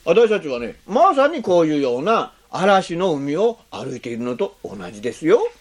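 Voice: mid-range voice, very animated. A pastor preaching a sermon, asking the congregation questions and adding frequent tag words between phrases. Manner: slows on key phrases, speeds up when explaining.

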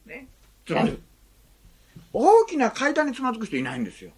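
Pastor, male, conversational sermon; breathy husky tone, wildly animated pitch. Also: a little fast. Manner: chatty, asks the congregation questions, adds "ne" often.

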